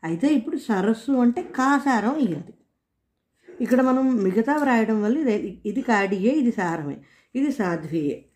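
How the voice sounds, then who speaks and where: A woman's voice: fairly high pitch, expressive, a little mellow. Musing woman solving a crossword aloud. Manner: thinking aloud, slow and musing. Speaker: puzzle solver.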